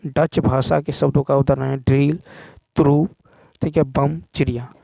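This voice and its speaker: Gravelly guy teacher going through test answers, dry close sound, keeps repeating key bits. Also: medium pitch, steady tone, measured pace, dark tone, no echo. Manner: explanatory, repeats key points with "ठीक है". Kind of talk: exam answer walkthrough.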